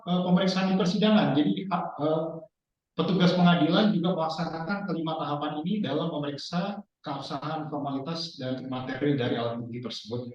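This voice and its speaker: A judge asking questions politely and formally in an online training session, his voice carried by a heavy cavernous echo over a video call. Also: on the high side. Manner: polite, formal, with frequent hesitations. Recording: very echoey, distant, muffled online call audio.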